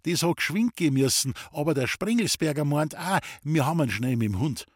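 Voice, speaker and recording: A storyteller doing a young hunter, the forester's son, a little sheepish, husky and lively, raising his voice a touch. Dry, close sound. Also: fairly high pitch, a little fast, no room sound, pitched above the performer's own voice.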